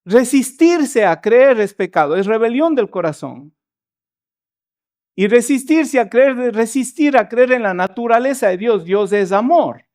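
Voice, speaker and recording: Pastor with a high voice preaching in church and acting out the story's lines. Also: male voice, darkish tone. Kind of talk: sermon.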